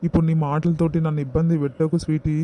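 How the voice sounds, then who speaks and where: A man's voice: fairly high pitch, flat delivery, rapid-fire, warm tone, close to an everyday voice. A man with a Telangana accent playing a guilty, nervous husband in a comedy skit, pleading and begging. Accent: Telangana Telugu. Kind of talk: village comedy skit acting.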